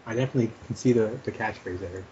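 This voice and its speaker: A young man co-hosting a podcast in casual chat, talking quickly with halting restarts and fillers. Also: lowish voice, a little mellow. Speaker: podcast co-host. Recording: dull lo-fi podcast audio with faint noise.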